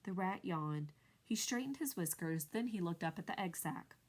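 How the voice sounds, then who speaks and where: A woman's voice: lowish voice, lively intonation, normal speed. A woman reading a storybook aloud, narrating expressively and changing her voice for each animal. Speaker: reader.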